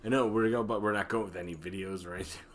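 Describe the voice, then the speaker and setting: A man's voice: lowish voice, steady tone, quick pace, a bit bright. A man co-hosting a casual post-show podcast chat, laughing often, swearing and slipping into mock-angry quoted voices. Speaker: podcast co-host.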